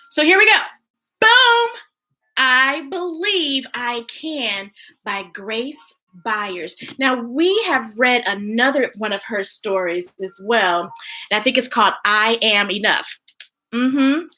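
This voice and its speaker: A woman hosts a children's story time, reading picture books aloud with expression and chatting playfully with viewers in a gushing, animated manner. Her voice is a little high.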